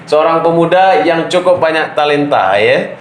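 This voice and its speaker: A man's voice: fairly high pitch, expressive, normal speed. A man in his thirties from the Riau Islands with a Riau Islands Malay accent, hosting a casual podcast interview, teasing his guest and laughing often. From Riau Islands, Indonesia. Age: 30s. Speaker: podcast host. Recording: echoey room with faint noise.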